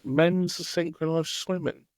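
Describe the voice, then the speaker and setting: A man's voice: fairly high pitch, fairly even intonation, takes it slowly, dry recording. A man in casual podcast chat, making dry, teasing remarks. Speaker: podcast co-host.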